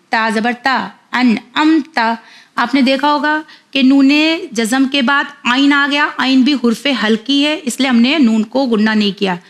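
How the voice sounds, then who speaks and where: A woman teaching Quran reading to children, spelling out syllables one by one, repeating them and correcting common mistakes. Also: sits high. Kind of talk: slow spelled-out recitation lesson.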